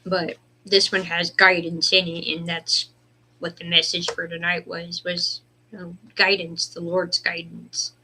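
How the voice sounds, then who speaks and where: A woman hosting a casual spiritual livestream, rambling between prayer requests and reading Bible verses slowly and deliberately. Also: fairly low pitch, monotone, bright, forceful tone, slight background noise. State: hiccups, dry throat.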